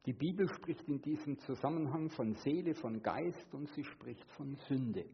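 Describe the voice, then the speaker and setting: A man preaching a sermon, earnest, moving between hushed and emphatic delivery. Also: lively intonation, moderate pace, gravelly, husky, muffled recording. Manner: acts out quoted voices with sudden high pitch.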